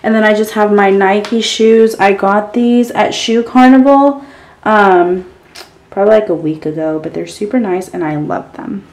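A young Texan woman vlogs casually to camera from a parked car and then a small bedroom doorway, chatty and upbeat with lots of fillers. Her mid-range voice is a little slow and a little mellow.

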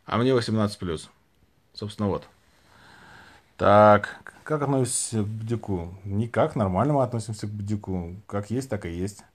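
Lying back on pillows in a small indoor room, a Saint Petersburg man in his thirties runs a relaxed livestream, reading out viewer questions and replying into a phone held at arm's length. He speaks at a moderate pace with a fairly low pitch.

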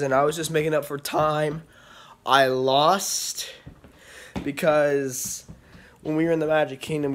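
Slow-talking young man, slightly unwell. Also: on the high side, slight background noise. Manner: rambling, filler-heavy, coughs and clears throat. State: feeling unwell. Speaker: vlogger. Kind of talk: casual vlog chat. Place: outdoors in heavy rain, then indoors.

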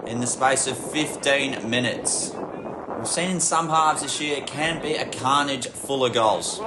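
A man giving football match commentary in measured phrases that lift with the play. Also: mid-range voice, animated, heavy background noise. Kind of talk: sports commentary. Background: music.

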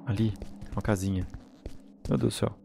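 A man's voice: on the low side, a little fast, creaky, dark tone, a little hiss or hum. A man with a Brazilian accent giving casual, slangy let's-play commentary as a gaming host, reacting and swearing as he goes.

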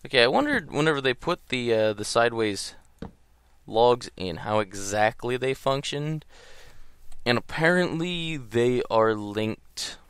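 A man's voice: medium pitch, animated, measured pace, fairly bright tone, clean tone, dry recording. A man giving casual gameplay commentary in a groggy early-morning voice, rambling and hesitant. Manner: rambling, hesitant, full of ums and trailing thoughts.

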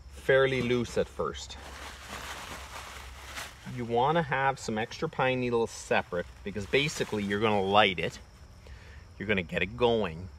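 A man in his forties, a homesteading vlogger, speaks on the low side with a fairly bright tone, and a little hiss or hum is audible. He casually demonstrates something outdoors in a wooded bee yard, talking plainly with many loose fillers. A close-held phone camera records him over a backdrop of crickets and insects.

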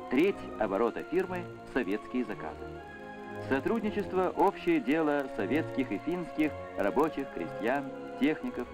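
A man's voice: medium pitch, rough recording. A man giving solemn, official narration on an old 1970s newsreel soundtrack. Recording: old newsreel with music underneath.

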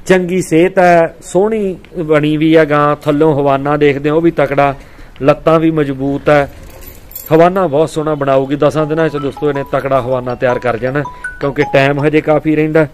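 A man's voice: fairly high pitch, steady tone, moderate pace, faint music behind. Man touring a farm cow. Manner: friendly, addresses viewers as brothers and friends. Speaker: dairy farming vlog host. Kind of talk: casual livestock sale walkthrough. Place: outdoors on a farm.

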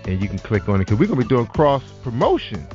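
A man hosting a casual online radio talk show, animated, with lots of shout-outs and "that's right". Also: medium pitch, fast talker. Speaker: podcast host. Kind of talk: casual internet radio chat. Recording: dull lo-fi sound with faint music.

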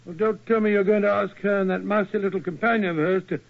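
An actor playing a grumbling, loyal English doctor with a British accent and blustery manner in a radio drama. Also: male voice, high-pitched, steady tone, fast talker, gravelly. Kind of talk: old-time radio acting. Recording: tinny old radio recording.

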